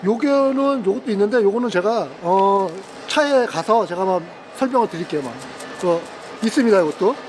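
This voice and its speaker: A man's voice: sits high, animated, brisk, a little mellow, a little hiss or hum. A middle-aged man hosting a casual car demonstration, chatty and exclaiming, grumbling at carmakers as he shows the gear. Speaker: car channel host. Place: outdoors in a parking lot beside cars.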